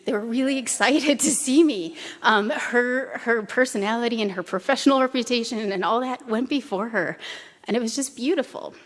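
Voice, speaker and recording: A woman's voice: on the high side, moderate pace. A woman in her forties giving a memorial tribute speech at a podium microphone, telling anecdotes with light humorous asides. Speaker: former doctoral student giving a tribute. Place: chamber concert hall. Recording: long hall reverb.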